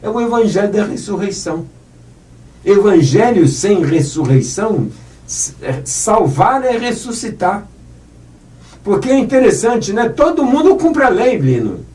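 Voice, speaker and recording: Lively high-voiced Brazilian man teaching Bible. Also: unhurried, distant mic. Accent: Brazilian Portuguese. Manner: animated storytelling, acts out quotes, keeps asking "tá entendendo?". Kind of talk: informal Bible teaching on radio.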